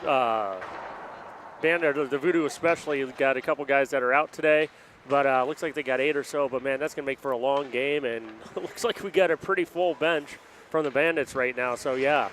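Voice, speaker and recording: A man's voice: mid-range voice, a little fast, a bit bright, slight background noise. Laid-back male color commentator. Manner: laid-back, laughs easily, talks like a player. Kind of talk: amateur hockey commentary. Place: rink commentary booth.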